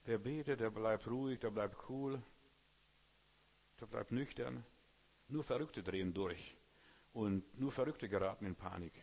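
A man's voice: on the low side, unhurried, pauses often, a little mellow. A man preacher giving an emphatic sermon, talking straight to his listeners and often asking if they understand. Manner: emphatic, talks straight to listeners with frequent "you know?".

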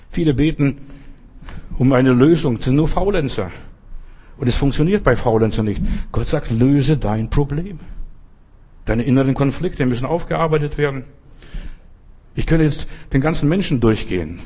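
A man's voice: mid-range voice, expressive, moderate pace, pauses often, a little mellow, slightly rough. A man preaching a sermon, addressing listeners directly with many pointed rhetorical questions.

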